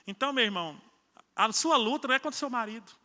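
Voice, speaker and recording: High bright-voiced preacher in a reverberant hall. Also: male voice, lively intonation, fast talker. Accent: Brazilian Portuguese. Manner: conversational preaching with acted-out quarrels. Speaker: pastor. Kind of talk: sermon. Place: church hall. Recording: long church-hall reverb.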